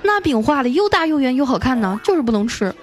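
Higher-pitched playful woman radio host. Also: big pitch swings, a little hiss or hum. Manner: playful, chatty, teasing asides with drawn-out particles. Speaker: radio host reading listener jokes. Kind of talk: lively comic radio reading.

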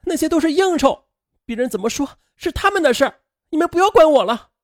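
A man's voice: extremely high pitch, expressive, fast, no room sound, clean studio sound, voice pushed up. A man voicing a desperate young woman who screams and pleads hysterically in a told story. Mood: defiant.

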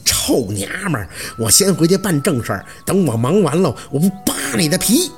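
Man doing a bellowing angry husband, strained high yelling. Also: sing-song, normal speed, faint music behind. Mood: furious. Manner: shouting, ranting. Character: furious bellowing village husband.

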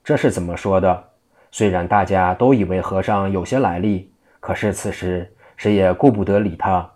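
A man narrating a traditional tale in a lively, vivid storytelling style, doing all the voices. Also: sits low, moderate pace.

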